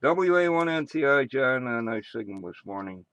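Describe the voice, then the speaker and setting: A man's voice: medium pitch, animated, normal speed, a bit bright, clear, resonant tone, dry recording, dull audio. A man with an American accent acting as amateur radio net controller, making casual announcements with rambling, muttered asides.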